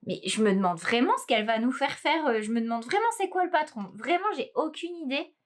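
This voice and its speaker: A woman vlogging casually about knitting gifts, gushing and exclaiming, often trailing off into soft murmurs. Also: high-pitched, expressive, brisk. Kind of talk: casual unboxing chat.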